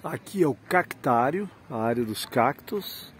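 A man with a medium-pitched, expressive voice chats casually and unhurriedly to viewers, pointing things out as he goes. He's a rideshare driver and travel vlogger filming a casual walking-tour vlog.

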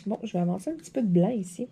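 A woman with a Quebec French accent, chatting casually while crafting, a bit hoarse from a dry throat, rambling and laughing often. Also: mid-range voice, expressive, rapid-fire, dark tone, slight background noise. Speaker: diamond painting vlogger.

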